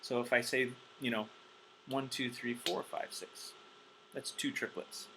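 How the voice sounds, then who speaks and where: A man's voice: medium pitch, fairly even intonation, unhurried, pushed and bright, slight background noise, poor audio. A man teaching drums in a loose, chatty way, counting beats aloud with plenty of ums, wired on caffeine. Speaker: drum teacher. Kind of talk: casual instructional talk.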